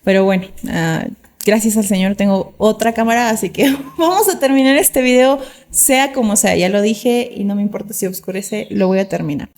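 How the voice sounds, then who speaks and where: A woman's voice: mid-range voice, moderate pace, darkish tone, big-room sound. A young woman telling her personal story to camera outdoors, earnest and emotional, sometimes acting out what others said. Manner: earnest, acts out quoted voices. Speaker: vlogger sharing her testimony. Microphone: camera mic.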